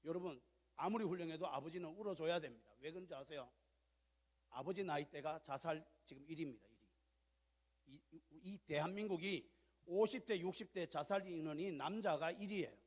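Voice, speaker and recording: A man preaching a sermon as pastor in a church, swinging from loud exhortation to quiet, confiding asides. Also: a little high, brisk. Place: large church sanctuary. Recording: long church hall reverb.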